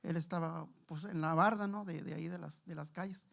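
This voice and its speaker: A man preaching a sermon in church, telling a testimony and leading prayer, calling out to the brethren constantly while his loudness swells and drops. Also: a little high, fairly even intonation, a little fast, vocal fry. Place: church sanctuary.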